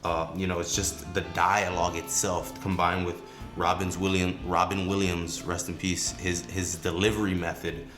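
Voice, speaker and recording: A man with a very low, level voice walks viewers through storytelling techniques in a loose, conversational tone, dropping fillers as he thinks. His voice bounces around an echoey room while music plays clearly underneath. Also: moderate pace. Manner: relaxed, with frequent fillers like "you know" and "um". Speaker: creative director and video host. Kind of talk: casual explanatory talk.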